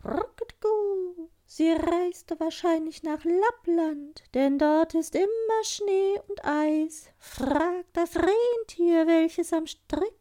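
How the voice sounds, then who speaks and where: A woman voicing a pair of caged wood pigeons in a storybook, with a slow, sing-song cooing delivery and a much higher, altered voice. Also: warm tone. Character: cooing wood pigeons, small birds in a cage.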